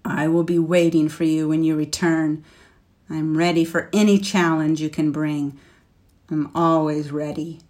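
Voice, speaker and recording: A woman doing a huge, menacing storybook dragon who sneers at everyone, his voice low and deliberate. Each word comes slow and heavy with contempt, pressed out with extra force. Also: little pitch movement, a little mellow. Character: proud scornful male dragon, huge and menacing. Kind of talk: storybook reading.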